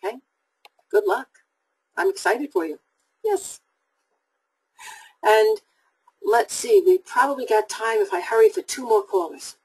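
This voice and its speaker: A woman's voice: fairly high pitch, big pitch swings, measured pace, pauses often, slight background noise, poor audio. A woman hosting a live call-in psychic webinar, giving readings to callers in an upbeat, reassuring way.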